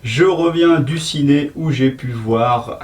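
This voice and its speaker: A man's voice: medium pitch, slow pace, darkish tone. A man with an English accent speaking at home in a chatty, enthusiastic vlog review, with frequent hesitations. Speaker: YouTuber reviewing a film. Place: his home in Tokyo.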